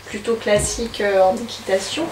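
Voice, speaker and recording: Woman, halting, in a roomy space. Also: medium pitch, steady tone, recorded from a distance. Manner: hesitant, pausing often mid-phrase to find words. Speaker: interview guest, horse-assisted therapist. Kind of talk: casual interview answers. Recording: roomy echo, off-mic, faint noise.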